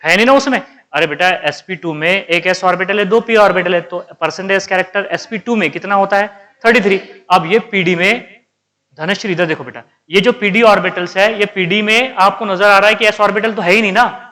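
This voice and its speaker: A man's voice: sits high, a little fast, pushed and bright. A male chemistry teacher lecturing a class, quizzing students and answering his own questions, and calling out those who are not paying attention. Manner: scolds inattentive students.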